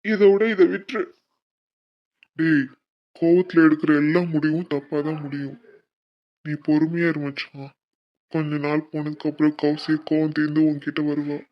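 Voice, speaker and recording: A woman's voice: sits low, steady tone, moderate pace, long pauses, muffled recording, lightly acted. A woman voicing a level-headed young male college friend who reasons and soothes. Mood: reasoning.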